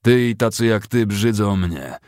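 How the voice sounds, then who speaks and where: A man's voice: fairly low pitch, expressive, unhurried, dry recording, clean studio sound, pitched above the performer's own voice. A man voicing a bearded, contemptuous Confederate cavalry captain who barks orders, in an audiobook reading. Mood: scornful. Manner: barking, shouting orders.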